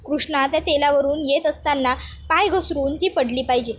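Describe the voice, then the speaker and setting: High-voiced woman recapping a serial. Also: a little hiss or hum. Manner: storytelling, brisk and conversational. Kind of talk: casual narration of a serial episode.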